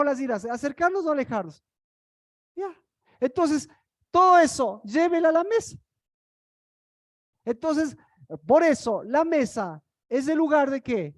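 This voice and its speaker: A woman's voice: high-pitched, very animated, a little slow, long pauses, no room sound, clean studio sound. A woman preaching a sermon, firing rhetorical questions at the congregation.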